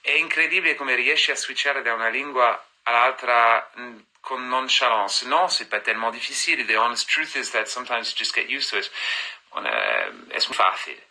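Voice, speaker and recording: A man in his thirties live streams on his phone, reading fan comments aloud and answering them while switching languages mid-answer. His mid-range voice is fairly quick, pushed and bright, and the recording is rough.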